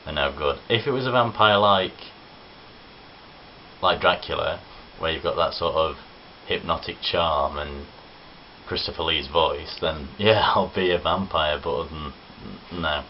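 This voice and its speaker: At a measured pace and in a very low voice, a young Midlands-accented vlogger from Nottinghamshire, England, rambles casually with self-deprecating asides. His camera is on a tripod, and the sound is dull and lo-fi with a faint hiss underneath.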